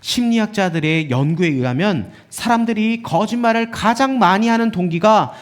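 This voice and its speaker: A man's voice: high voice, animated, normal speed. A male pastor preaching a sermon in a church sanctuary, often putting rhetorical questions to the congregation.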